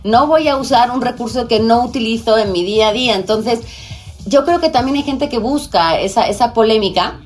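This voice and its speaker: A woman's voice: on the high side, brisk. A woman in her forties from Spain with a lisping Castilian accent, speaking casually in an outspoken, emphatic way. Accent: Castilian Spanish. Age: 40s. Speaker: guest, television presenter. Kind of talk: casual conversation.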